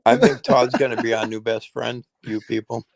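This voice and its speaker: A man's voice: medium pitch, level tone, normal speed, creaky. A man co-hosting a casual chat, wary and doubtful, trailing off into restarts as he plans his next call. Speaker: co-host.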